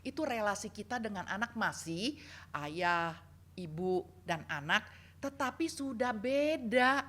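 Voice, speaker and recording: A woman's voice: mid-range voice, measured pace. A woman preaching a sermon, telling stories and acting out the people she quotes. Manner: lively storytelling, acts out quoted voices.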